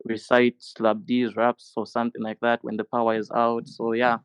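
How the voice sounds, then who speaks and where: A man from Zambia, a rapper guest, answering in a relaxed way. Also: medium pitch, moderate pace, smooth, no echo. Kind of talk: casual interview answers.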